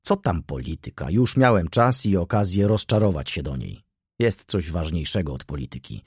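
A man's voice: deep voice, very animated, moderate pace, breathy edge, no room sound, clean studio sound, exaggerated voice. A man voicing a brooding, disillusioned middle-aged merchant who speaks with bitter self-reproach. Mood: dismissive. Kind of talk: audiobook dialogue reading.

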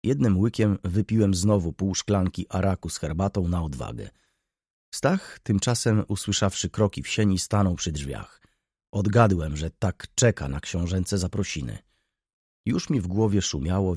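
A man's voice: low-pitched, lively intonation, normal speed, a little mellow, breathy edge, dry recording, studio quality. A man narrating a classic novel as an audiobook, telling the story dramatically in the first person.

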